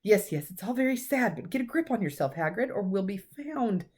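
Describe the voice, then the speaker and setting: A woman's voice: mid-range voice, animated, fairly quick, darkish tone, husky, pitched above the performer's own voice. A woman voicing a stern, proper older witch professor who is anxious and doubting, in a storybook reading. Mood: urgent, scolding.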